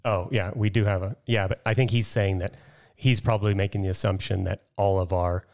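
A man co-hosts a casual chat in a somewhat low voice. He talks in a loose, chatty way and drops jokes as he goes. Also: steady tone, a little fast, darkish tone. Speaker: podcast co-host.

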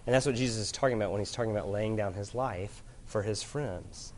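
A man with a fairly low voice delivers an earnest sermon to a room full of people. He leans into loud emphasis, then drops to quiet, grave tones, and a faint hum of room noise sits under his voice. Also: a little fast. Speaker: preacher. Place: room with an audience.

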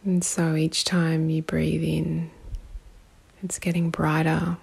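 A woman guiding a meditation in a calm, soothing way, with long pauses and a soft, breathy, partly whispery voice. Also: low-pitched. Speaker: meditation guide. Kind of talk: guided meditation.

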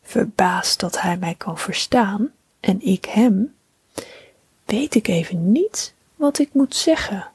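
A woman narrates a children's bedtime story almost entirely in a breathy whisper. She speaks very slowly and soothingly, her voice close and dry with no room sound around it. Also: mid-range voice, no room sound. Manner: slow, soothing, calm.

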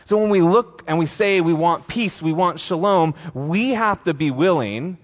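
A man's voice: fairly high pitch, a little slow. Man preaching casually in a reverberant hall. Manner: casual, filler-heavy preaching with frequent "like" and restarts. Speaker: pastor. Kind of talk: conversational sermon. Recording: dull lo-fi sound with long hall reverb.

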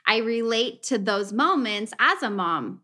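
Bright, encouraging woman host. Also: on the high side, animated, measured pace. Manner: encouraging, frequent affirmations. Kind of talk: casual conversational interview.

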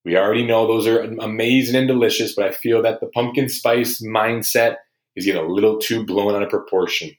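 A man with a fairly low voice hosts a podcast, talking in a loose, chatty way. The recording picks up a roomy echo. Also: steady tone, brisk. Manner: chatty, informal. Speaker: podcast host. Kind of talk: casual podcast intro.

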